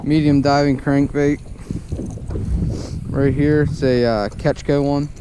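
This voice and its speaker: A man's voice: fairly high pitch, flat delivery, slow. Guy doing a fishing vlog out on a boat, talking through a face mask so kinda muffled, folksy, windy noisy audio. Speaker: fishing vlogger. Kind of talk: casual fishing vlog talk to camera. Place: outdoors on a boat on a windy lake. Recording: loud wind and boat noise outdoors.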